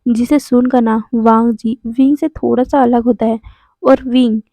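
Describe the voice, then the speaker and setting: A woman's voice: a little high, steady tone, measured pace, dark tone, no room sound. A woman casually retelling a fan fiction story, chatty, with fillers and self-corrections. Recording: dull lo-fi, dry sound.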